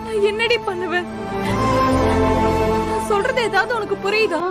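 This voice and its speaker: An actress playing an anxious young wife who pleads tearfully, over TV drama music. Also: female voice, extremely high pitch, moderate pace. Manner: anxious, pleading, near tears. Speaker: Kavya, elder sister-in-law. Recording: TV drama with loud background music.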